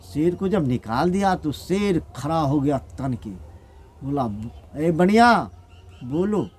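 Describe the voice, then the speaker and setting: A man's voice: on the high side, measured pace, a little mellow, slightly rough. A man telling a folk tale aloud in plain rustic, repetitive phrasing. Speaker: storyteller.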